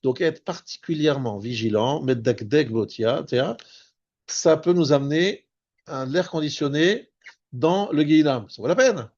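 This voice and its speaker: Rabbi explaining prayer reading aloud. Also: male voice, a little high, darkish tone, lo-fi sound. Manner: explanatory, repeats and restarts words, stresses Hebrew terms slowly. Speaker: rabbi teaching a class. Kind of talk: spoken Torah lesson.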